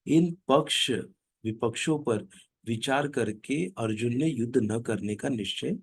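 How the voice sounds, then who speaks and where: A man leading an online reading group who chants verses slowly and then explains them in casual, conversational talk. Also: mid-range voice, breathy edge, no room sound. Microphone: online video call.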